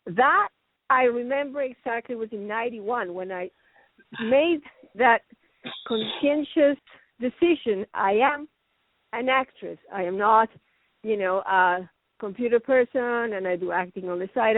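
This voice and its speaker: Heard over a tinny phone line in a dry recording, a middle-aged guest actress with roots in Venezuela and Canada chats casually in an interview. She rambles and laughs a lot, speaking at a normal speed with a fairly high pitch.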